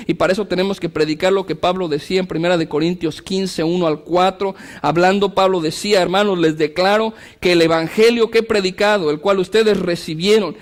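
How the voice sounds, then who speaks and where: A man preaching a sermon to his congregation as pastor, moving between quick asides and slow, emphatic declarations. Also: high-pitched.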